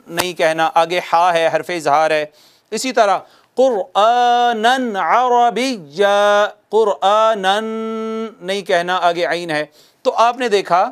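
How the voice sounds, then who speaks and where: A male Quran recitation teacher giving a lesson, patiently repeating rules, asking questions and answering them himself, and drawing out Arabic example words. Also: high voice.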